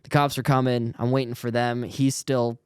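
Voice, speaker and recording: A man's voice: mid-range voice, normal speed, smooth, dry recording, clean studio sound. A young man, a worship leader on a podcast as a guest, telling a story casually and acting out the voices of the people in it. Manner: animated, acts out the quoted voices.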